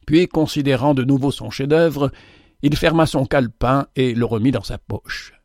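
A man's voice: mid-range voice, darkish tone, dry recording. Man narrating a story, dry sound. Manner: measured storytelling.

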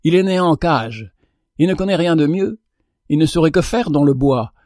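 A man reading a storybook, voicing a kind mother speaking calmly to her child. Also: on the high side, moderate pace, no room sound, clean studio sound, natural voice. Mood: gentle.

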